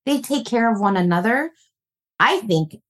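This relationship coach, raised in North America in a Filipino family, has a slightly high, expressive voice and a moderate pace. Being interviewed on a podcast, she reflects earnestly and shares family stories with warm laughter.

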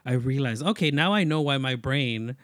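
A man's voice: mid-range voice, expressive, moderate pace, a bit bright, dry recording, studio quality. A man from Mexico chatting casually as a podcast guest, telling personal stories informally with slang and quoting himself. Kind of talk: casual chat and personal storytelling.

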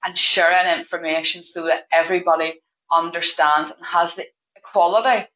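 In an interview, a female payroll manager answers questions, laying out her views earnestly and thoughtfully. Her lowish voice holds a steady tone at a moderate pace and sounds pushed and bright, with the highs cut off.

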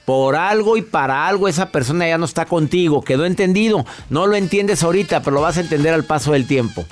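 A man's voice: on the high side, animated, fast talker. A man hosting a radio advice show, joking with his team and giving callers direct, caring advice. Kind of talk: casual advice talk.

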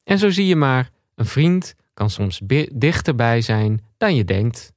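A man reading a comic story he wrote himself, in a deliberate storybook narration. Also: medium pitch, sing-song, no echo, clean studio sound. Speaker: comedian reading his own story.

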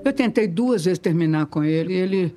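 Uma mulher de oitenta e poucos anos com sotaque mineiro, contando casos de forma animada e imitando as vozes das pessoas. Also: female voice, fairly low pitch, fairly quick. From Ubá, Minas Gerais, Brazil. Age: 80s. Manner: lively, laughing, acts out quoted voices. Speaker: interviewed singer, twin sister. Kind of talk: casual storytelling.

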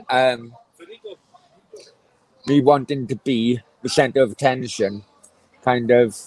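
A man in his forties with a South Wales Valleys accent, answering reflectively and haltingly in a casual interview. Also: medium pitch, a little mellow, dry recording, low-quality recording. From Merthyr, South Wales. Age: 40s. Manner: halting, hesitant delivery with many pauses. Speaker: interview guest, former councillor.

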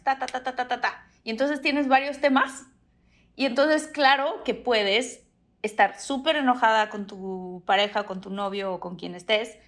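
A woman's voice: a little high, fairly bright tone. A woman with a Mexican accent chatting casually as a podcast co-host, laughing and explaining things with energy. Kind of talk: casual chat.

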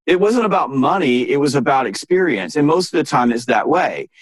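A man, a sales author guesting on an interview podcast, telling emphatic, animated anecdotes and firing off exasperated rhetorical questions. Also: a little high, brisk, dry recording.

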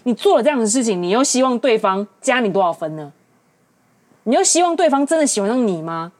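A woman in her late twenties with a Taiwanese Mandarin accent, hosting a casual dating-advice monologue in an animated, exasperated, ranting manner. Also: fairly high pitch, fast. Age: late 20s. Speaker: podcast host.

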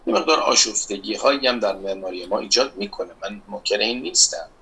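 A man's voice: on the low side, gravelly, pushed and bright, slightly rough, low-quality recording. A middle-aged architect from Iran answering interview questions, emphatic and insistent as he dismisses rumors. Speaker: architect guest, competition organizer.

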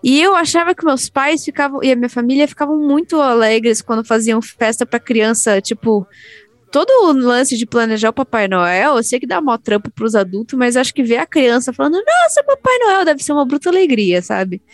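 A young adult woman, a podcast co-host, chatting casually among friends and telling lively anecdotes in which she acts out the voices. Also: a little high, brisk, no echo. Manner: animated storyteller, acts out voices in her anecdotes.

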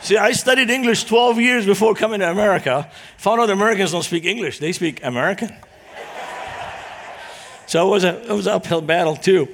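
Guest preacher, higher-pitched man, earnest with jokes. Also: a little fast, a little hiss or hum. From Lebanon. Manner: humorous, storytelling, earnest. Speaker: guest speaker. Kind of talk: church talk to a congregation.

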